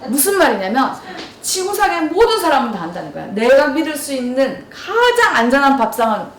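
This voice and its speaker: Fast-talking woman lecturer, far off in a roomy hall. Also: high-pitched, sing-song, background noise. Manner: storytelling, asks the audience questions. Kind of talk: lively lecture with acted dialogue.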